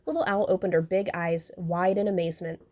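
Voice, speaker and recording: A woman reading a children's picture book aloud, gentle and expressive. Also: fairly low pitch, a little fast. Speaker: storybook reader. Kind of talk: children's story read-aloud.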